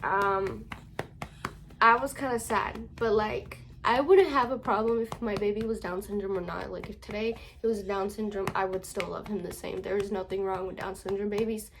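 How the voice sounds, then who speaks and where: A woman's voice: medium pitch, steady tone, normal speed, a little hiss or hum. A woman vlogger casually recounting a personal story to camera, chatty and full of fillers.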